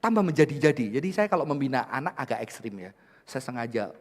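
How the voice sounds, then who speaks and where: A man preaching a sermon to his congregation in a church, swinging from loud impassioned peaks down to hushed whispers. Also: mid-range voice, sing-song, quick pace. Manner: addresses the congregation repeatedly as brothers and sisters. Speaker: pastor. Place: large church hall. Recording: reverberant church hall.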